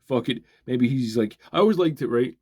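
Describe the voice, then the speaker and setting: A man, chatting casually and excitedly while unboxing and reviewing a toy, swearing freely as he rambles. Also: medium pitch, brisk. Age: 20s. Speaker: toy reviewer, channel host.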